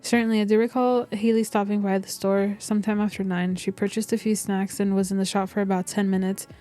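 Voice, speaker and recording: A woman reading as a wordy, mellow village shopkeeper. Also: medium pitch, level tone, a little fast, close to an everyday voice. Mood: formal, intrigued. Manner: wordy, formal. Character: chatty, formal, nosy male shopkeeper in a village. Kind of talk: reading game dialogue aloud.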